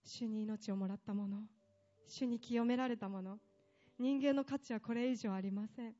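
A woman's voice: on the high side, fairly even intonation, moderate pace, mellow, highs cut off, faint music behind. A woman preaching a sermon with impassioned delivery, building up long emphatic lists.

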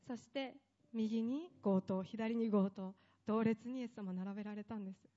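Lady preacher giving a fired-up sermon, kinda high voice, mellow tone, a bit lo-fi. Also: fairly even intonation, normal speed. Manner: impassioned, rising to emphatic lists.

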